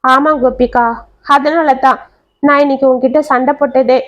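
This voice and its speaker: A woman voicing a young husband who speaks calmly and explains himself steadily. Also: sits high, moderate pace, natural voice. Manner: calm, explaining. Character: young husband, calm and firm.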